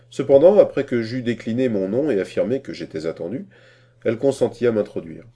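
Un homme qui lit un roman à voix haute, narration posée et expressive. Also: male voice, fairly low pitch. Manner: measured, expressive reading. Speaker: audiobook narrator. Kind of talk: scripted narration.

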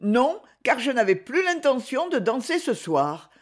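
A reader giving voice to a gentle young woman from a romance novel, pitched well above the narration and soft and earnest in her speech. Her lines rise and fall in a lively way. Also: unhurried, full character voice. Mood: wistful.

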